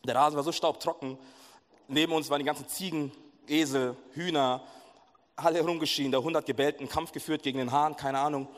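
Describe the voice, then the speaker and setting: A young man preaching in a church service, telling a personal story in a casual, animated way with slang. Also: on the high side, brisk. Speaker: pastor. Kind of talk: sermon with a lively personal story. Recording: echoey hall.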